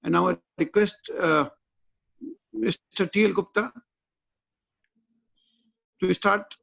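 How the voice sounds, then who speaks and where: A man hosting an online session with a formal, halting welcome speech. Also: high-pitched, gravelly, fairly bright tone. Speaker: session host. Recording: dull lo-fi online call.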